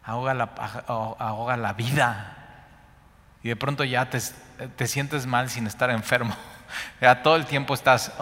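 A man with a Mexican accent preaching a sermon on a Bible passage, repeating words for emphasis and swinging between loud and hushed. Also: medium pitch, fairly even intonation, measured pace. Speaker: Bible teacher. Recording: long hall reverb.

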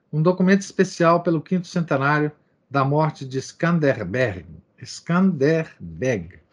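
A man reading a text aloud and commenting on it like a lecturer, breaking in with asides and habitual tag questions. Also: on the high side. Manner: reads quoted passages, adding asides and verbal tics like "né?". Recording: dull lo-fi recording.

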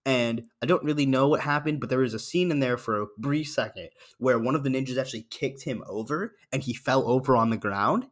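A man co-hosting a podcast in casual chat, reviewing a movie with mocking energy and acting out scenes with sudden loud screams. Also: medium pitch, fairly quick, few pauses.

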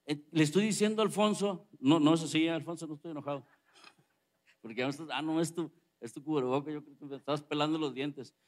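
A man's voice: fairly high pitch, fast talker, a little mellow. A middle-aged man preaching a sermon as pastor, conversational and joking with the congregation.

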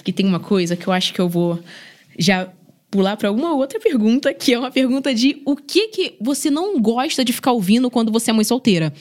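Filling her speech with "né?" and "gente", a young Brazilian woman talks animatedly as a podcast guest about being a single mother. She's chatty and shares personal stories in a slightly high voice at a fairly quick pace.

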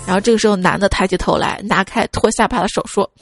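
A woman host reading listener jokes aloud, laughing at her own lines and jumping her voice up to act out the people in each joke. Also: fast talker. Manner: lively, acts out quoted speakers with jumps in pitch. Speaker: radio-style joke show host. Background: faint background music.

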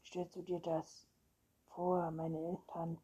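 A woman's voice: fairly low pitch, completely flat delivery, slow pace, dark tone, husky. A woman reading a storybook, voicing a timid, easily frightened schoolboy. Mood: alarmed. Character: timid, anxious human schoolboy.

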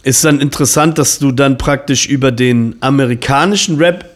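A man in his forties hosts an interview podcast in a casual chat, asking long, rambling questions full of fillers and restarts. His mid-range voice moves at a normal speed.

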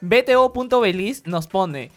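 A man's voice: sits high, animated, measured pace, a bit bright, soft background music. A man co-hosting a comedy show, reading out audience names and questions with hesitant fillers.

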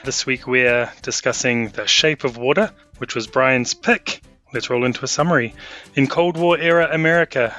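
Brief: male podcast host, crisp and forceful tone, upbeat stat-reading delivery, faint music behind. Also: mid-range voice. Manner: upbeat, reading out film stats and facts. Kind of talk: casual film podcast chat.

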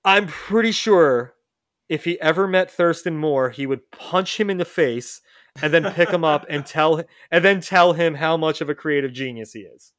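A man's voice: on the high side, a bit bright, no room sound, studio quality. A man hosting a casual music chat, rambling and often correcting himself mid-sentence. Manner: rambling, self-correcting, lots of restarts. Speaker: podcast host.

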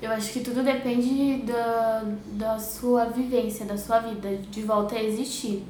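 A woman's voice: fairly high pitch, steady tone, measured pace, warm tone, a little hiss or hum. A woman, a guest in a casual discussion, speaking reflectively with hesitations and trailing phrases. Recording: roomy echo.

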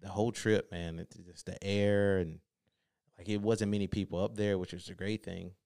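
A man in his thirties, a husband and father co-hosting, chats casually with his wife and tells a trip story, laughing and stretching out his words in a slow, emphatic, laid-back way. His voice sits low with little pitch movement and is gravelly, mellow and clean-toned. The studio recording is clean, with no echo.

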